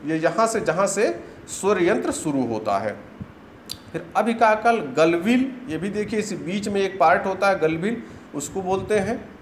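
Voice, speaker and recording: A man giving a grammar lesson, explaining a diagram slowly and patiently, repeating each term one at a time. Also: high voice. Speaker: teacher. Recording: echoey room with faint hiss.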